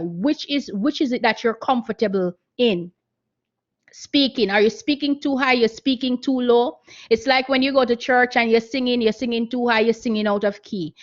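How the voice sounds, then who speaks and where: A woman giving an earnest, instructive seminar talk on public speaking and voice training over a video call, often repeating her key points. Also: a little high. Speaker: guest speaker. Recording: muffled video-call audio.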